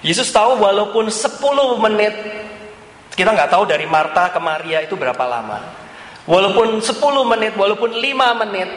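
A man's voice: high-pitched, a bit bright, slight background noise. A man preaching a sermon, often turning to his listeners with repeated rhetorical questions. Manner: keeps addressing listeners as "brother", asks repeated rhetorical questions. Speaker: pastor. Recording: echoey hall with long reverb, faint room ambience.

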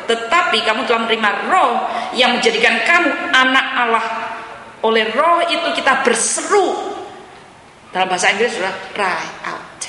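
A woman's voice: fairly high pitch, sharp tone. A woman preaching a sermon, who keeps turning to the listeners as "saudara" and drops English phrases in between. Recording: echoey hall.

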